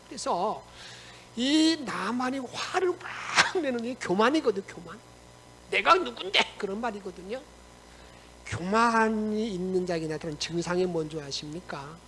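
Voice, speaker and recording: High-voiced animated pastor preaching. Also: male voice, a little hiss or hum, low-quality recording. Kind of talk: lively Sunday sermon. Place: church sanctuary.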